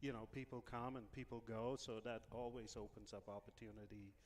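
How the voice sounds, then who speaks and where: Relaxed man from the Bahamas, reverberant sound. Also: on the low side, slight background noise. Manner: relaxed, many "uh" pauses. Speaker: casino executive guest. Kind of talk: interview answers.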